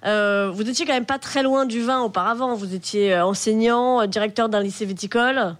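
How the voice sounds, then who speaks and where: A woman's voice: a little high, a little fast. A woman wine journalist on a radio show, asking a guest questions in a friendly way with many fillers.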